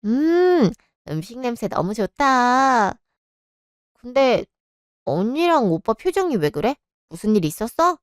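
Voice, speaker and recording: A woman's voice: fairly high pitch, big pitch swings, unhurried, clear, resonant tone, no echo, clean studio sound. A woman voicing a bratty, self-righteous young sister-in-law in a radio drama, snippy and lecturing. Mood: curious.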